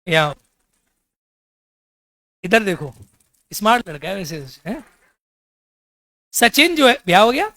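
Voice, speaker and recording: High-pitched and very animated, this man speaks slowly with long pauses, his tone pushed and bright, no echo present. His classroom lecture is full of repeated questions for the students, who must repeat answers while he teases and jokes with them.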